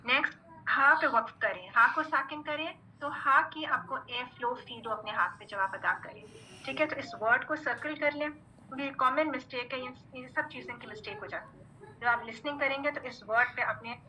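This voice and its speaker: A woman teaching Quran recitation, patient and methodical, drilling letter sounds slowly and checking in with her class often. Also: high-pitched, sharp tone, slight background noise, rough recording. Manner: patient, repeats "theek hai" often. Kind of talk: online tajweed lesson.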